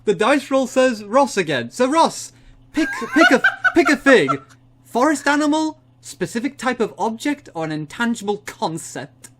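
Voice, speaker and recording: A man's voice: very high-pitched, big pitch swings, moderate pace, very noisy. A man running a comedy tabletop game as game master, laughing often and playful.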